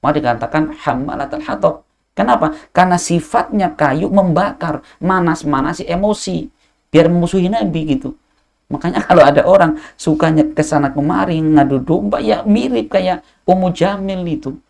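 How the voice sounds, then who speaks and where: Gravelly-voiced male preacher telling stories. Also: fairly high pitch, moderate pace, darkish tone. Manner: storytelling with questions to the audience, Arabic quotes. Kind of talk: Islamic study lecture.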